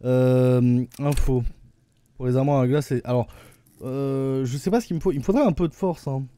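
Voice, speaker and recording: Mellow and smooth, his mid-range voice moving at a moderate pace, a man with a French accent narrates a game casually for his stream. The commentary meanders and stumbles, full of "euh" and repeated "attendez."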